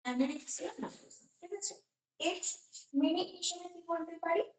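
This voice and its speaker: A woman's voice: very high-pitched, a little fast, recorded from a distance. A woman teaching an online class, explaining step by step and putting questions to her students, her voice carrying a heavy echo over the call. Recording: echoey online class audio.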